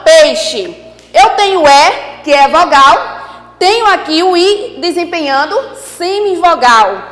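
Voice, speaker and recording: High lively woman teaching a class, lots of echo and long reverb, keeps repeating the point. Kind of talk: online class lesson.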